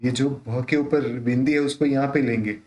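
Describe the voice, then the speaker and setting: A man teaching the pronunciation of a devotional hymn, reciting verses slowly and then explaining the rules in a conversational way. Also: mid-range voice, fairly even intonation, a little mellow, echoey room.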